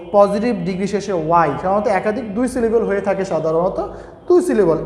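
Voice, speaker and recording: A man's voice: high voice, darkish tone. A man teaching a grammar lesson, repeating each rule and asking the students questions. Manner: repeats points and quizzes students. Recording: echoey room with long reverb.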